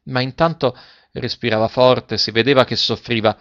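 Calm man reading a story aloud. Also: mid-range voice, moderate pace, dry recording. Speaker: narrator. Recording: dull dry lo-fi recording.

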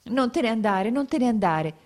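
A woman reading aloud and voicing a frightened young wife in labor, speaking in a rushed, high, breaking voice. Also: lively intonation, darkish tone, natural voice. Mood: pleading. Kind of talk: audiobook character reading.

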